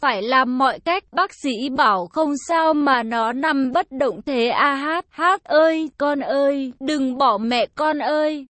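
A woman's voice: sits high, a little slow, hardly any pauses, fairly bright tone, no echo. A sobbing, pleading mother in her forties, as a woman reader voices her. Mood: pleading distraught. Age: 40s. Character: distraught middle-aged mother sobbing over injured son. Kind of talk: storytelling with voiced characters.

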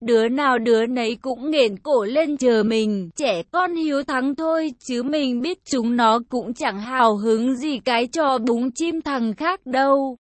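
A woman narrating a first-person story in a lively, colloquial way. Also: sits high, a little slow, hardly any pauses, dry recording.

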